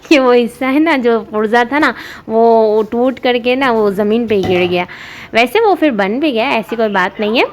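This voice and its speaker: A woman's voice: mid-range voice, a little hiss or hum. A young woman narrating her family vlog in a chatty voice-over, rambling with many fillers and giggling often. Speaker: family vlogger, mother.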